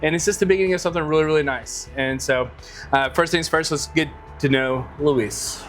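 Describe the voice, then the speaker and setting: Upbeat, welcoming male podcast host, slightly higher voice, faint music underneath. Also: fairly quick, fairly bright tone. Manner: upbeat, welcoming, lots of fillers. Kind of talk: casual podcast chat.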